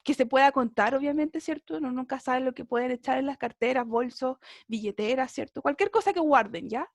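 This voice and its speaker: A woman's voice: sits high, a little fast, dry recording, clean studio sound. A woman with a Chilean Spanish accent, teaching an English class online in a chatty way and often checking in with her students.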